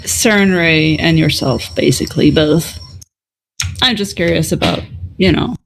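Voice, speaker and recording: A woman's voice: deep voice, measured pace, creaky, a little hiss or hum. A woman playing a tabletop role-playing game, asking curious questions in character. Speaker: player.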